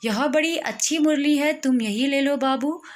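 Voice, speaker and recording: A woman voicing a kindly middle-aged male flute seller who coaxes children warmly. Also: high voice, unhurried, faint music behind, pitched above the performer's own voice. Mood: coaxing. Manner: warm, coaxing, playful.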